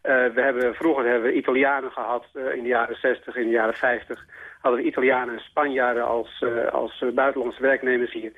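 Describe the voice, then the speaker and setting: A man's voice: medium pitch, little pitch movement, fast talker. A male radio caller arguing his opinion over the phone, hesitant and full of fillers and restarts. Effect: phone line. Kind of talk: call-in opinion debate. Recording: tinny phone line.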